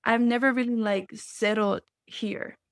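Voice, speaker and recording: Young woman from Samoa, bright and earnest. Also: a little high, steady tone, unhurried, smooth, no room sound, studio quality. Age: young adult. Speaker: guest. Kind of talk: podcast interview.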